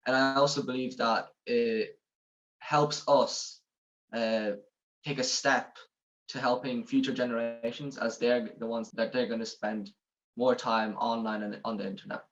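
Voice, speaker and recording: A man's voice: medium pitch, little pitch movement, measured pace. Casting: teenage male, west of Ireland accent, youth member giving interview answers, dull recording. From west of Ireland (Galway). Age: teens. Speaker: youth advocacy group member.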